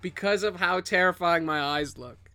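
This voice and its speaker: A man chatting through a tabletop role-playing session. His voice is bright and sits a little high. He jokes constantly and slips into playful character voices. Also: moderate pace. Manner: joking, playful, puts on voices. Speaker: player.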